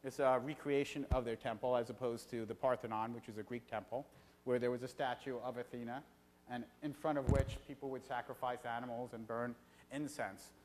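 A middle-aged man giving an evening lecture in a conversational way, pausing often on filler sounds. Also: mid-range voice, fairly even intonation, a little mellow, a little hiss or hum. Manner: conversational, frequent filler pauses. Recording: reverberant hall.

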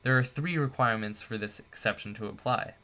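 A man presenting a tutorial lecture, explaining points in a steady, methodical way with a few fillers. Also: medium pitch, brisk. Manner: steady, methodical, stepping through numbered points with occasional fillers.

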